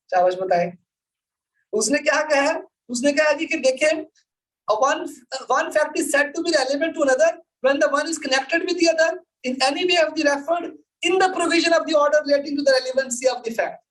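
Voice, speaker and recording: A law lecturer with a high-pitched voice, picked up from a distance on a rough recording, teaches her students live. She explains and reads out articles in a didactic way, repeating her points and mixing English into her Hindi-Urdu.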